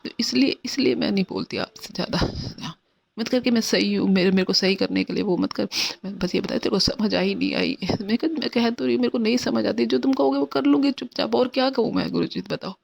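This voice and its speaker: A woman devotee sharing a personal devotional testimony, talking in a hesitant, halting way. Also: a little high, vocal fry, darkish tone, a little hiss or hum.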